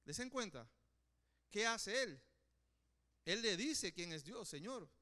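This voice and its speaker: A man preaching a sermon, animated, often checking in with the congregation with quick questions. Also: high voice. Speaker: pastor.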